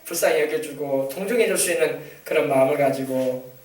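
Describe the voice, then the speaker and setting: A male pastor delivers a sermon, coaxing his congregation for responses and repeating key phrases for emphasis. His voice sits high for a man. The recording comes from far off the mic in an echoey church hall. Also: a little fast, darkish tone. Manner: exhorting, prompting the congregation for amens. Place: church sanctuary.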